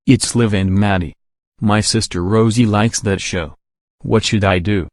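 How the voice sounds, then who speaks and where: A computer voice of a man playing a mischievous boy prankster, with flat, stilted delivery and a long monotone laugh. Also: on the low side, measured pace, dry recording, studio quality, natural voice.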